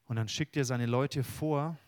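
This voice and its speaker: A man preaching a sermon, earnest and personal, swinging between loud emphasis and hushed words. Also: mid-range voice, unhurried, no room sound. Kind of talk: sermon with Bible reading.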